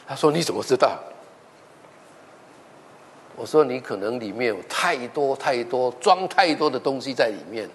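A male pastor tells a story in his sermon, animatedly acting out the quoted dialogue in a reverberant church hall. His medium-pitched voice moves at normal speed with long pauses, over slight background noise.

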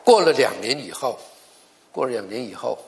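A man's voice: medium pitch, big pitch swings, normal speed, creaky. A middle-aged male pastor preaching a sermon, telling stories with acted-out dialogue and often repeating words as he goes. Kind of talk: sermon with storytelling.

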